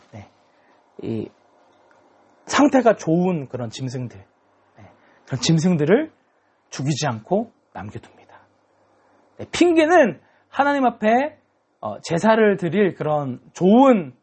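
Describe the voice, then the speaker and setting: A young man preaches to children in a high, lively voice that leaps up and down. He tells the story with lots of animation and keeps checking in with the kids. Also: husky. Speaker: children's ministry pastor. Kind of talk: children's sermon.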